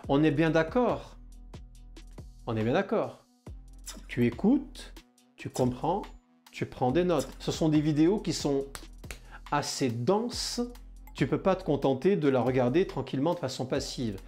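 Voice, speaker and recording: A man with a southwestern French accent teaching biology in a lively video lesson, talking straight to the viewer and answering his own questions. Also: mid-range voice. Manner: animated, addresses the viewer as "kid", rhetorical questions.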